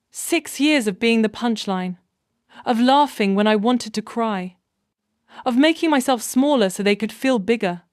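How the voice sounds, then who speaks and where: A woman reading a scripted first-person story in a measured, even way. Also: medium pitch, no echo, clean studio sound.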